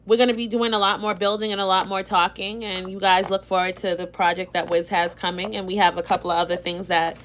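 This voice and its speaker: A woman with a Boston accent, hosting a casual live-stream interview, chatty and animated, greeting viewers by name. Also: medium pitch, fast, few pauses. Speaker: interview host.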